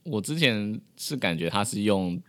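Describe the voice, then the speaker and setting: A woman's voice: rumbling low, lively intonation, moderate pace, a bit bright. A woman co-hosting a casual chat who adds dry, teasing quips.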